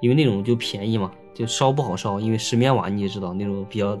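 Male storyteller, quick chatty delivery, filler-laden casual ghost tale. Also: on the low side, soft background music. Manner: chatty, filler-heavy, lively.

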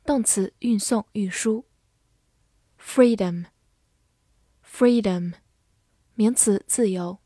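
A woman teaching English vocabulary, saying each word twice and then calmly reading out its meanings and example sentences. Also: mid-range voice, no echo, clean studio sound. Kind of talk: slow vocabulary drill and translation lesson.

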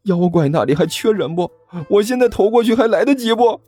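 A man's voice: high-pitched, animated, fairly quick, warm tone, no room sound, soft background music, voice pushed up. A man voicing a young male disciple who is brash, impatient and whiny, complaining indignantly in a storytelling narration. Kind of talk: storytelling narration with character voices.

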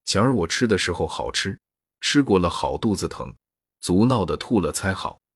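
Young maid, gentle but sharp-tongued, read by a man, low and husky. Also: very animated, normal speed, no room sound, studio quality, heavily acted. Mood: reproachful.

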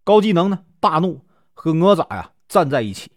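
A man telling a classic legend in a casual, chatty storytelling way, with lots of drawn-out filler particles. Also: fairly high pitch, sing-song, dry recording, clean studio sound.

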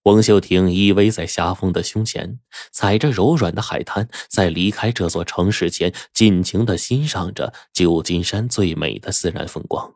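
A man narrating a long serialized story in a measured way, stretching phrases with fillers. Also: sits low, gravelly, a little mellow, no room sound, studio quality.

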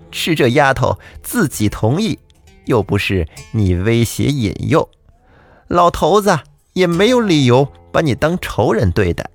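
A male storyteller voicing a brash, bossy older woman who talks down to her husband, with faint guitar music behind. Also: medium pitch.

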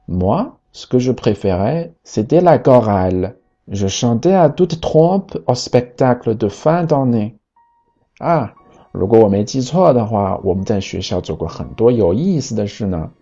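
A man voicing a kindly old elephant in a storybook, reminiscing in a warm-hearted way. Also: mid-range voice, lo-fi sound. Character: oldest elephant of the savanna, fond and kindly.

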